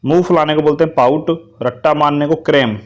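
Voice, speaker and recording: A man whose voice sits on the high side runs an English vocabulary lesson, speaking straight to his students and asking them to repeat every answer. His delivery is brisk, with fairly even intonation.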